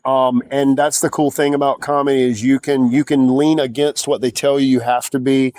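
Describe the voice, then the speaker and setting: A man's voice: mid-range voice, flat delivery, normal speed, a little mellow, no room sound, poor audio. A man in his forties from South Carolina, telling rambling, self-deprecating stories with lots of restarts as a guest on a comedy podcast. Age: 40s. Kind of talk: casual storytelling chat.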